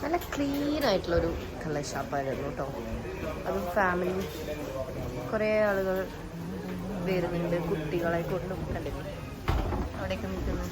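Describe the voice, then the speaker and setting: A woman with a Kerala Malayali accent chatting casually as a travel vlogger, mixing English words into her Malayalam. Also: on the low side. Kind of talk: casual travel vlog chat. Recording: very noisy outdoor vlog, vehicle sounds. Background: loud ambient and vehicle noise.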